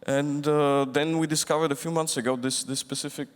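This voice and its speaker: A man's voice: a little high, flat delivery, fairly quick, clear, resonant tone. A man from Bulgaria speaking on a conference panel, thoughtful, often restarting his sentences. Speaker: panelist, fintech executive. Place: large conference hall. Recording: long reverb of a conference hall.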